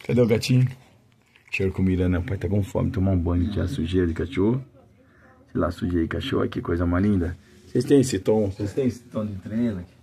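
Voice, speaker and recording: A man's voice: sits low, fairly even intonation, quick pace, creaky, dark tone. A man who breeds dogs, chatting casually to his dogs and viewers, cooing at them in fond baby talk and speaking in a folksy, devout way. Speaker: dog breeder.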